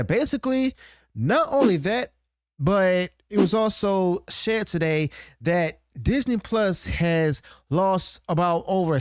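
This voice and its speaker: An online commentary host offers opinionated, unscripted takes, emphatically tagging his points with a questioning "okay?" and "now," and loosely restarting as he goes. His voice is high and clean. The studio sound is clean with no echo.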